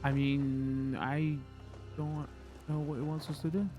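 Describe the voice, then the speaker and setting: A man's voice: on the high side, level tone, unhurried, over music. A man hosting a gaming video with casual commentary, hesitant and thinking aloud as he plays.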